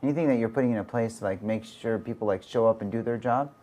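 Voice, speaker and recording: A man's voice: on the low side, quick pace, warm tone. A man hosting a podcast, chatting casually and asking long, rambling questions full of "like". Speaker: podcast host.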